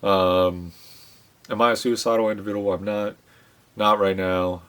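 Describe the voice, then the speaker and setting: Low-pitched guy talking slow and subdued, lots of ums and restarts, just musing out loud to the camera. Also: steady tone, smooth. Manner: reflective, halting, many fillers and restarts. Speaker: channel host. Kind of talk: casual monologue to camera.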